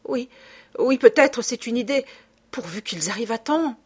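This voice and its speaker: A woman voicing a frightened young girl with a high, trembling, urgent voice. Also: animated, normal speed, breathy edge. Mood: terrified.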